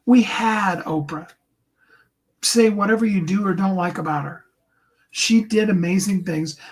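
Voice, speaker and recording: Speaking as a host and coach, this man has a higher tenor and gives his viewers a sincere, uplifting pep talk, frequently easing his pace and sinking to a gentle whisper. The audio quality is poor.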